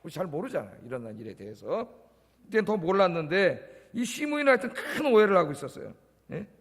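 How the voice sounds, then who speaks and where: A man's voice: high-pitched, big pitch swings, quick pace. A male pastor giving a conversational sermon at a church service, often prompting the congregation with short questions. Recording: echoey church hall.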